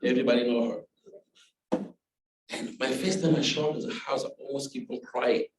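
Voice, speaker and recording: Man, halting speech, echoey room, mic far away. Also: medium pitch, fairly even intonation, slight background noise. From Democratic Republic of the Congo. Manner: halting, many uh fillers, broken grammar. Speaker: panelist. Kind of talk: personal story at a panel.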